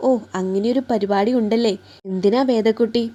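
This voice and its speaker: A sleepy young husband in a read-aloud romance answers his wife drowsily and fondly, as a woman narrator voices him. The voice is soft and mellow. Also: a little high, steady tone, normal speed, highs cut off, close to an everyday voice. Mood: drowsy. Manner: drowsy, affectionate.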